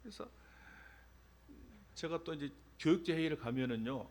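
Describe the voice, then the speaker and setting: A man's voice: fairly high pitch, moderate pace. A middle-aged Korean man, a pastor preaching a sermon and telling personal stories, acting out the dialogue in them. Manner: animated storytelling, acts out dialogue. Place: church sanctuary. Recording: long reverb of a church hall.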